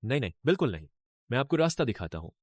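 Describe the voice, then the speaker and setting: Cast a deferential but deceitful village graduate, animated delivery. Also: male voice, mid-range voice, rapid-fire, no echo, clean studio sound. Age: young adult. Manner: eager, deferential, smooth-talking. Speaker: dubbing actor. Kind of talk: Hindi drama dub.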